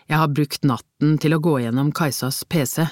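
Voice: mid-range voice, fairly even intonation, darkish tone, no room sound, clean studio sound, close to an everyday voice. A reader voicing a busy, practical police colleague in an audiobook, talking in a businesslike, matter-of-fact way. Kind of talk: audiobook character reading.

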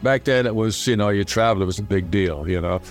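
A man from Ireland with an Irish accent, reminiscing in a relaxed, conversational way. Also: fairly low pitch, fairly quick, soft background music. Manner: relaxed, conversational, many fillers. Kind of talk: casual reminiscing.

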